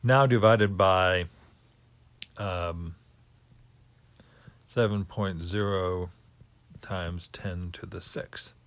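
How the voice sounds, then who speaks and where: A man giving a physics lecture on orbits, working through figures slowly and thinking aloud with many pauses. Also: low-pitched, steady tone, a bit bright. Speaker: teacher.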